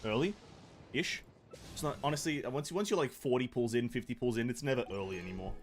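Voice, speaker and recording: A young man casually commenting on his own game pulls, mostly dry and muttering, at times breaking into loud excitement. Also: mid-range voice, brisk, faint music behind. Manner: deadpan and muttering, bursting into shouting excitement. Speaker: game streamer. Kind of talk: casual live-stream commentary.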